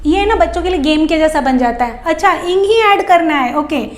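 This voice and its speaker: A woman giving a phonics lesson for parents, patiently repeating sounds slowly and clearly. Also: very high-pitched, animated, roomy sound. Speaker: English teacher for parents of young children. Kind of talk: phonics lesson in Hindi mixed with English.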